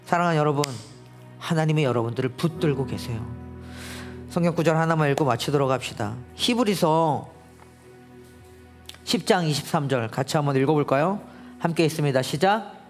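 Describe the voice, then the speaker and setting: 남성 목사, 대화하듯 설교하는 높은 목소리. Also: male voice, animated, fairly quick, long pauses, soft background music. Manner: conversational preaching that rises in pitch and force when pleading; acts out his prayers and dialogues in quoted voices. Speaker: pastor. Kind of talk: sermon. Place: church worship space.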